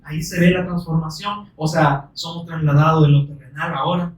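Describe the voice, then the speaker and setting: A man preaching a sermon earnestly, asking many rhetorical questions and quoting scripture slowly and with emphasis. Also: fairly high pitch, fairly even intonation. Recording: roomy echo, distant mic.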